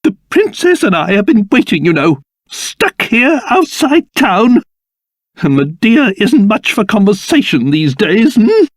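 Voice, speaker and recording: An actor playing a pompous, fussy old king turned into a small monster in a video game, with a British accent and a theatrical, excitable delivery. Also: sits high, unhurried, dry recording, studio quality, full character voice. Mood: grumbling.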